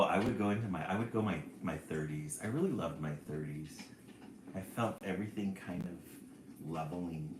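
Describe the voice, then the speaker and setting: A lowish-voiced man in his forties hosts a relaxed live stream, chatting away, reading viewer comments out loud, and often laughing. There is slight background noise, and the room gives the sound an echo.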